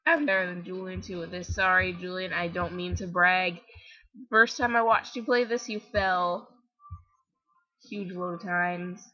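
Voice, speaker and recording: Chatty Canadian teen girl, bright voice. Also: fairly low pitch, fairly even intonation, a little slow. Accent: Canadian English. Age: teens. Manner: chatty, rambling and self-mocking. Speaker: gaming vlogger. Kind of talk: casual gameplay commentary. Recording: slightly dull lo-fi home recording.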